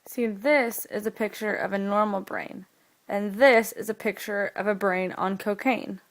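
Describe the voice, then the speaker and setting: A woman's voice: medium pitch, fairly even intonation, measured pace, poor audio. A young woman acting in a scripted school skit, patiently explaining step by step.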